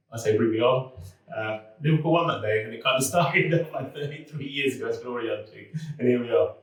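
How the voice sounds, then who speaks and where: Man, relaxed corporate talking-head video, heavy room echo, distant mic. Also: medium pitch. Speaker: business development manager. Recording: very echoey room, mic far off.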